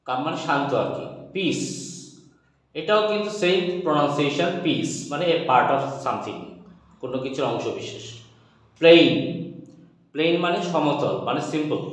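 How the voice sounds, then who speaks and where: English teacher in a very echoey room. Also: male voice, fairly high pitch. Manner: spells words letter by letter and explains them; slows down on English definitions. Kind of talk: spoken English lesson. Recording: very echoey room with long reverb.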